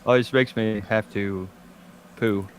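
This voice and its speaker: A man co-hosting a casual podcast, joking crudely with deadpan asides. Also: fairly low pitch, takes it slowly, a loud crowd. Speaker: podcast co-host. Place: home studio.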